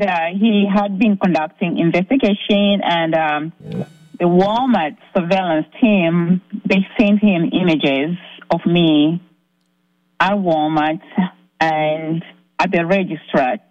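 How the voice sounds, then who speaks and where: Caller from Zambia, a woman telling her ordeal in earnest halting bursts, dull dry line. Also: lowish voice, no echo. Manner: earnest, halting, many restarts. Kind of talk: recounting a personal ordeal on a call-in show.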